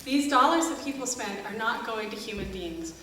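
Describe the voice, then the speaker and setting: At a live concert event in a church, a middle-aged American family doctor acting as an activist speaks to the audience, sarcastic and exasperated. Her voice sits on the high side, animated and fairly bright, at a normal speed. The recording is far-off and noisy, with strong hall echo.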